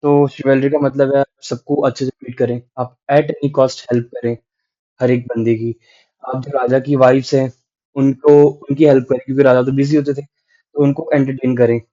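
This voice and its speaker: A man's voice: mid-range voice, dark tone. A man teaching a literature lecture in mixed Hindi and English, explaining patiently and checking in with "right?". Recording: dull lo-fi sound.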